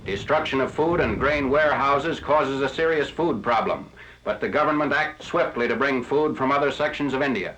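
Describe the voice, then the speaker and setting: A man giving scripted narration for an old 1940s newsreel, in a crisp, formal announcer delivery. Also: medium pitch, moderate pace, fairly bright tone, slight background noise. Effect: old 1940s newsreel recording. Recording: lo-fi archival newsreel audio.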